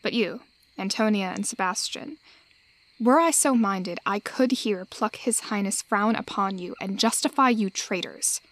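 Woman playing Prospero, a slow, grand sorcerer-duke. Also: medium pitch, fairly bright tone, natural voice. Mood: stately. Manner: grand, declamatory, deliberate. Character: commanding exiled duke sorcerer Prospero, solemn and grieving. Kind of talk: Shakespearean radio play acting in verse.

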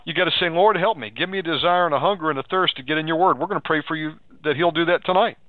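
Talking very fast, a man with a high-leaning voice preaches and counsels on live radio, urging listeners on, repeating himself, and asking leading questions. The sound is tinny, like a phone line, and free of room sound.

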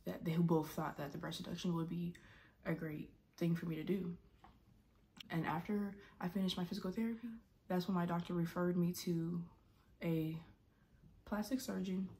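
Talking to a camera at desk distance in her bedroom, a twenty-something vlogger rambles through a casual personal vlog, restarting often and saying "like" a lot. Her low, fairly level voice has a dark tone and lots of vocal fry at phrase ends, with a little hiss or hum in the audio.

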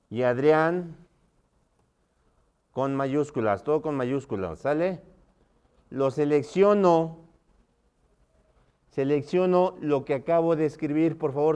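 A man's voice: a little high, a little mellow, clear, resonant tone. Man teaching, checking in constantly. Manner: checks in often with quick questions to students. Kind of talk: live online class instruction.

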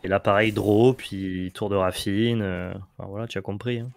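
Low-voiced man coaching a card game. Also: vocal fry, no echo. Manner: coaching, quick and excitable. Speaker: co-host advising the player. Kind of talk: casual gameplay commentary.

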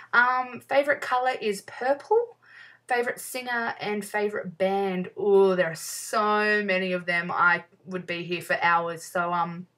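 A woman's voice: mid-range voice, sharp tone, far from the mic. Giggly New woman vlogging. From New Zealand. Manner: chatty, giggly, many "um"s, easily sidetracked. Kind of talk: casual chat answering fan questions.

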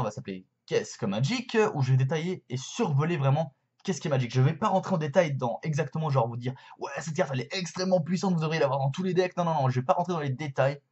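Explaining a card game to camera, a young man in his twenties hesitates often and uses lots of fillers in this casual vlog. He's indoors in his bedroom with shelves, speaking at medium pitch with a slightly mellow voice, on dull-sounding audio.

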